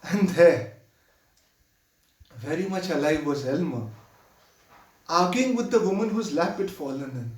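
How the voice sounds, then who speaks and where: A nervous young theater usher, played by a man stumbles through a confession on his first night, stammering and apologetic. The voice sits high and unhurried. It sounds roomy and picked up from well away from the mic. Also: far from the mic. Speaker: actor performing a monologue. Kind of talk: theatrical monologue.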